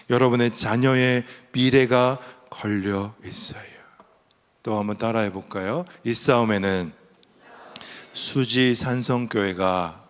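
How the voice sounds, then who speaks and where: A middle-aged man giving a guest sermon-style lecture in a church, telling animated stories and acting out the voices in them. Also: on the low side. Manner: animated storytelling, acts out his own and God's lines. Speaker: guest speaker. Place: church sanctuary. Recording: long hall reverb.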